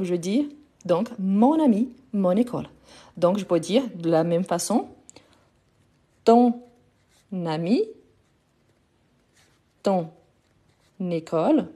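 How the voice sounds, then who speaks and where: A woman's voice: mid-range voice, dark tone, breathy edge. A Brazilian-accented woman, a native Portuguese speaker, teaching a live French grammar lesson and patiently repeating each example.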